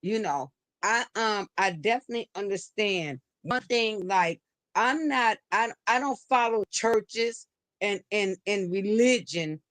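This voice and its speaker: A woman calls into a livestream from a remote connection to a streaming studio, giving call-in commentary. Her medium-pitched voice is slightly bright and a little slow with no room sound, and she speaks hesitantly, with many restarts and fillers.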